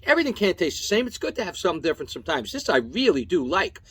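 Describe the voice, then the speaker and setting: A man from Long Island with a fairly high voice, walking viewers through a casual tasting review. He sounds enthusiastic, lists tasting notes one after another and keeps checking in with "okay?" as he goes. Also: wildly swooping pitch, rapid-fire, fairly bright tone, husky. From Long Island, New York. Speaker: tequila reviewer.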